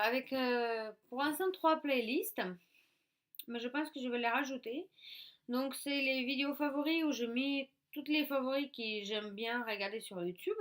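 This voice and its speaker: A Russian woman in her thirties, a YouTuber, chats casually to camera from her craft room at home, speaking with a Russian accent. Her voice is fairly high and a bit bright, and she sounds hesitant, with many fillers and restarts.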